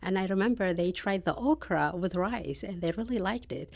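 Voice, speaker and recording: Gravelly-voiced woman from Iraq. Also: medium pitch, lively intonation, moderate pace, a little mellow. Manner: simple phrasing, hesitant fillers. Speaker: business specialist, guest. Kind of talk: radio interview.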